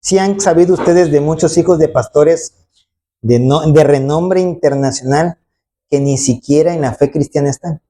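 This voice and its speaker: Speaking at normal speed in a mellow, medium-pitched voice, a preacher gives an emphatic sermon to a church congregation. Rhetorical tag questions recur, and quoted voices are dramatized.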